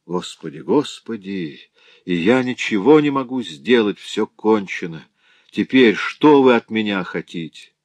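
A man's voice: on the low side, animated, measured pace, no room sound, voice pushed up. A man reading an audiobook aloud and voicing a desperate, terrified young woman who pleads in a heartrending voice. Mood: anguished.

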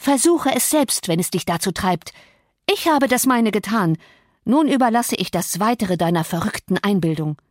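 A woman voicing a proud, sharp-tongued young woman. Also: mid-range voice, expressive, normal speed, no echo, studio quality, natural voice. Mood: cold. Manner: emphatic, cutting.

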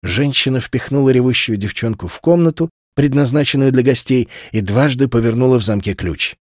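A man reading a novel aloud as narrator, in an expressive, measured way. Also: medium pitch, dry recording, clean studio sound. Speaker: audiobook narrator. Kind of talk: scripted literary narration.

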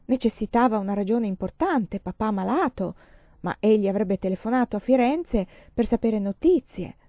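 A woman reading a novel aloud in a measured, expressive way. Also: medium pitch, no room sound, lo-fi sound. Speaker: audiobook reader. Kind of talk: literary reading.

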